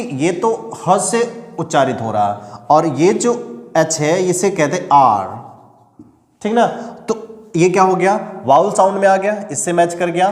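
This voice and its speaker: Male teacher, Hindi accent, step-by-step classroom explainer, slightly raised pitch, reverberant hall sound. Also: a little mellow. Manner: explanatory, asks and answers own questions. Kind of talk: spoken English lesson. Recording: echoey room with long reverb.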